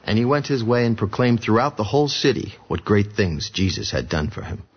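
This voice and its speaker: A man narrating scripture in a steady, even storytelling way. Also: on the low side, fairly quick, breathy edge. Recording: dull lo-fi audio with music behind.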